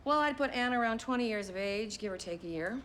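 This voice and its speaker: A woman's voice: fairly high pitch, animated, fast, a bit bright, slight background noise. An actress playing a dry, wry female doctor in a period TV drama.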